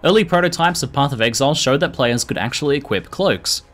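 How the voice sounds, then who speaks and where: A man reading scripted video narration in a measured, informative manner. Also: mid-range voice, animated, a bit bright. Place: voice-over recording. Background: music.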